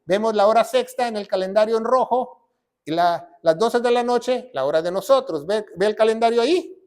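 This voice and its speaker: High-voiced pastor teaching scripture. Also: male voice, normal speed, darkish tone. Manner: explains step by step, often checks in with the congregation. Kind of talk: Bible teaching sermon.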